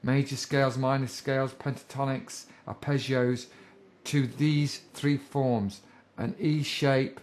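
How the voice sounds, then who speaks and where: A man's voice: mid-range voice, level tone, slow, a little mellow. A man giving a casual guitar theory lesson, chatty, encouraging and a little self-deprecating as he talks students through chord shapes. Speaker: guitar teacher. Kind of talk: casual spoken music lesson.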